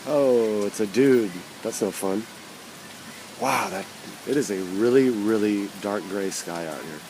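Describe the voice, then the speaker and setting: A slow-talking, easygoing man muses to his handheld camera while sheltering from a storm outdoors. Soft rain patters faintly behind his voice. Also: fairly low pitch, sing-song, gravelly, a little hiss or hum, low-quality recording. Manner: easygoing, laughs often, slow musing remarks. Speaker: vlogger. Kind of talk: casual travel vlog chat.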